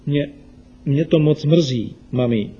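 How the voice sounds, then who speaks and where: A man voicing an upset, quick-tempered young boy in a children's radio story. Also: mid-range voice, dark tone, husky, dull audio. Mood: contrite.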